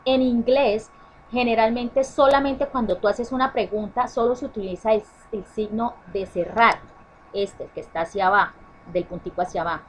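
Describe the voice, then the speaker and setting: A woman's voice: on the high side, normal speed, slight background noise, low-quality recording. A woman teacher explaining a grammar lesson to children, often checking in with "¿sí?" and correcting herself as she goes. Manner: self-correcting restarts. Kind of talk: online class explanation.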